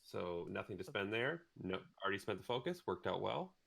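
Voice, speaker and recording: Deep gravelly man calling dice rolls. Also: fairly quick. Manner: relaxed, reads out dice results step by step. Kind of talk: live-stream game commentary.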